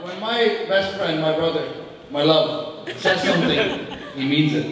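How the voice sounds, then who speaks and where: A man's voice: on the high side, normal speed. A man giving a comic best man's wedding toast, rambling, giggly and flustered, in an echoey hall with a noisy crowd, far from the mic. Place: large reverberant room at wedding reception. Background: loud wedding crowd.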